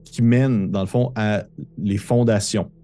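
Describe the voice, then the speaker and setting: A man with a Québécois French accent, narrating a tabletop game as game master in rambling, halting explanations full of fillers. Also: fairly low pitch, fairly even intonation, mellow, faint music behind.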